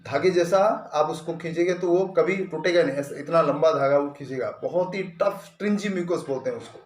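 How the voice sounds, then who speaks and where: A male homeopathy doctor giving a clinical lesson in Hindi, explaining symptoms plainly and mixing in English medical terms. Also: on the high side. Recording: echoey room.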